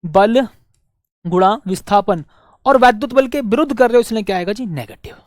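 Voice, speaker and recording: A man's voice: sits high, expressive, no room sound, clean studio sound. Coaxing male teacher dictating a lesson. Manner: repeats phrases slowly for note-taking; asks the class questions and answers them himself. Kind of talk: physics lesson with dictated notes.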